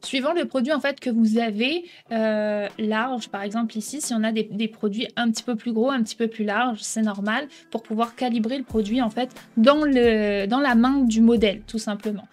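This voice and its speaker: A woman hosting a casual software tutorial, explaining step by step and checking in with the viewer often. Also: fairly high pitch, normal speed, hardly any pauses. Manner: chatty, explains step by step, keeps asking "d'accord?". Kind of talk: casual screen-recording tutorial.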